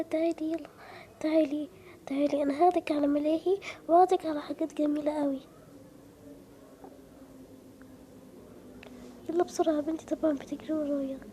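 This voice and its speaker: A woman voicing a soft-spoken young mother in a game story role-play, talking in a hushed, half-whispered way. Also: sits high, slight background noise, natural voice. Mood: coaxing.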